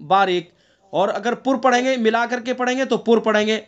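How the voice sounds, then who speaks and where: A man teaching an online class in Quran recitation, questioning his students and explaining each rule step by step, with slow chanted recitation in between. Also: extremely high pitch, lo-fi sound. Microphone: online class connection.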